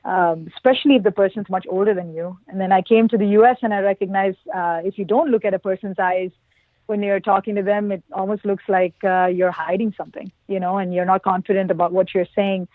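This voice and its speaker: A woman with a mid-range, steady voice speaks fairly quickly with no echo, sharing personal stories as a podcast guest in a conversational interview. She is a production engineer from Oman and India, and the audio is lo-fi, band-limited call quality.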